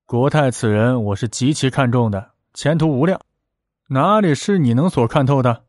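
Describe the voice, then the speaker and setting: Storyteller as a scheming court minister, stern, measured, commanding, dry close voice. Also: male voice, mid-range voice, darkish tone, no room sound, close to an everyday voice. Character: powerful middle-aged male minister, stern and calculating.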